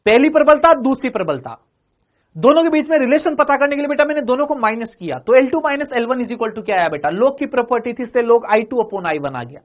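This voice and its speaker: High-voiced male physics teacher, questioning. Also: lively intonation, fast, few pauses. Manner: keeps calling students "beta" and quizzing them with questions he answers himself; repeats each phrase several times. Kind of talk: exam-prep classroom lecture.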